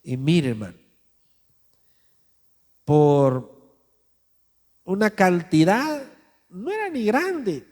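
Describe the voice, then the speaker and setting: A man's voice: high voice, big pitch swings, drawn-out words, pauses often, darkish tone, big-room sound. A male pastor preaching a sermon, telling a story in a conversational way and speaking straight to his listeners.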